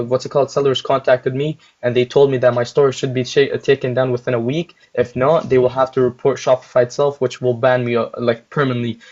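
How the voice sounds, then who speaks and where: A man's voice: medium pitch, a little mellow. A young man chatting casually on a livestream as a guest store owner, rambling with lots of filler words while chewing gum. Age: young adult. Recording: muffled lo-fi audio.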